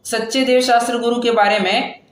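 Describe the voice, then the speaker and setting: Guy teaching scripture class, high voice, patient, chants verses slow. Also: flat delivery, reverberant. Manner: patient, explains pronunciation, chants verses slowly.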